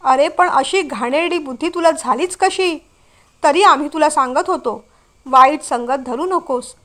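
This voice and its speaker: A hurt middle-aged mother scolds her son in a reproachful tone, as a woman puts her on in a storybook reading. The voice is high. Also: fairly bright tone.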